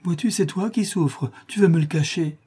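A man voicing a fearful young woman, high pitch, pleading. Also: moderate pace, warm tone, husky. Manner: pleading, frightened.

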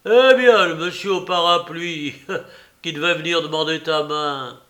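A man's voice: fairly high pitch, measured pace, a bit bright, voice pushed up. A man reading aloud, voicing a sly man who mocks and gloats. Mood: mocking. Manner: mocking, gloating. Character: mocking, sly older man.

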